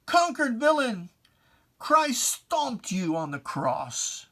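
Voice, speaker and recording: With a mid-range, very animated voice and a sharp tone, this speaker slowly and theatrically recites solemn verse. The dramatic, scripted reading is emphatic, full of deliberate pauses, and aimed directly at a foe in archaic, preacherly wording.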